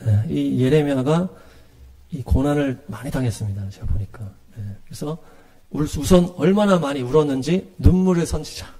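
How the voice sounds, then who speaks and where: Male pastor, middle-aged, relaxed sermon delivery, warm dark tone, fillers throughout. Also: on the high side, normal speed. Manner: conversational preaching with frequent fillers and acted quotes.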